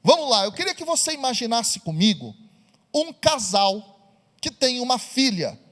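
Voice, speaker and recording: A male preacher speaks in a very high, bright voice and tells a story full of questions to his listeners. The sound has the long reverb of a large auditorium. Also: very animated, normal speed. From Brazil. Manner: storytelling, asks the audience questions. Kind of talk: sermon.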